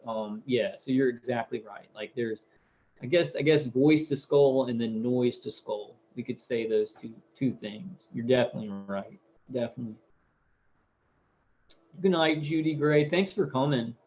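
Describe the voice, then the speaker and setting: A man's voice: medium pitch, a little mellow. A man in his thirties hosting a casual live stream, rambling through viewer comments with lots of fillers and repeated words. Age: 30s. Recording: dull lo-fi audio.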